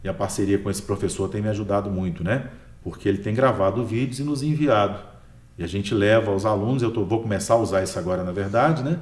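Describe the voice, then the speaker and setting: Here the professor sounds lower and darker, talking fast as he casually explains his history research to an interviewer. He speaks with a Brazilian Portuguese accent and tags nearly every sentence with an inquiring "né?". Echo fills the space.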